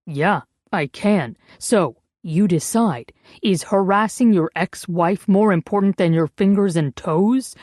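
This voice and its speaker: A woman's voice: slow pace, a little mellow, no echo, clean studio sound. A woman doing a cold, menacing protector. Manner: cold, low, threatening. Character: big, menacing, protective man, dour.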